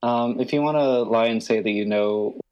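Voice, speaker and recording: Game master, medium-low pitch, casual improvised tabletop narration, joking, informal. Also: normal speed, darkish tone, muffled recording.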